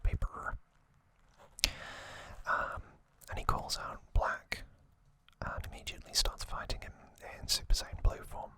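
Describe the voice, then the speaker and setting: In a breathy, unvoiced whisper, a man hosting an ASMR video gives a casual recap, his delivery halting and intimate. His tone comes across pushed and bright.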